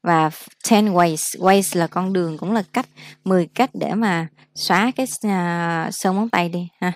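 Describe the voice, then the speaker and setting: A woman teaching English vocabulary in a casual lesson, explaining slowly and repeating each word for practice. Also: on the low side.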